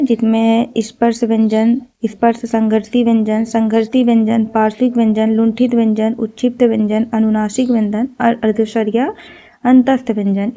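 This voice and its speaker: Flat-voiced woman teaching a lesson. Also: on the high side. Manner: steady explanatory, repeats key terms. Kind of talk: exam-prep lesson. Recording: slightly dull lo-fi recording.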